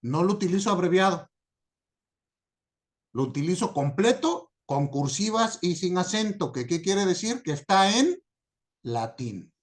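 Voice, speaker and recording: A man's voice: high-pitched, big pitch swings, a little slow. A man teaching a class on citation format, patient, often checking that students understand. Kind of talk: recorded lecture on citation format.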